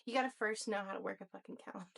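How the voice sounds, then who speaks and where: A woman in her thirties co-hosting a casual podcast, animated and blunt with quick exclamations. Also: medium pitch, gravelly, husky. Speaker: podcast co-host. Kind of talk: casual chat.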